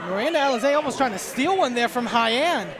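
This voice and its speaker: A man doing live play-by-play wrestling commentary in an excitable way, punctuating his calls with exclamations. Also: extremely high pitch, brisk. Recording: noisy venue with loud crowd. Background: crowd noise.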